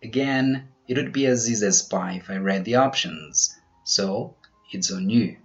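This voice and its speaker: A man teaching pronunciation in a scripted quiz, slowly over-articulating each example word. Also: fairly low pitch, muffled recording. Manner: slow, careful, over-articulated delivery of example words.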